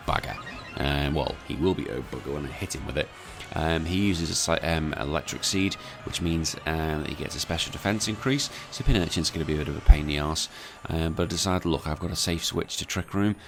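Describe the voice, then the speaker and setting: Really deep british guy doing chill game commentary, keeping quiet cause its night, music behind him. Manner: subdued, hushed voice kept down at night. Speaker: gaming content creator. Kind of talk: casual game battle commentary. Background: clear background music.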